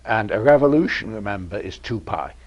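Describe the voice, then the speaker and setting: A man giving an informal university math lecture, pausing often with ums and uhs and adding dry humor. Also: lowish voice, lively intonation, dull audio. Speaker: mathematics professor lecturing. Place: lecture room with audience.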